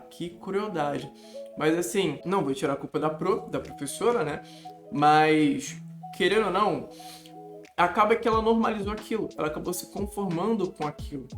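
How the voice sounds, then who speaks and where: A young man talking casually to camera as a study coach, animated and emphatic, often calling the viewer "cara". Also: high voice.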